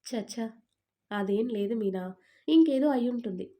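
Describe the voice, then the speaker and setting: A woman's voice: a little high, a little slow, warm tone. A woman voicing a cheerful young man in an audio story who soothes his upset friend in an easygoing tone. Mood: placating.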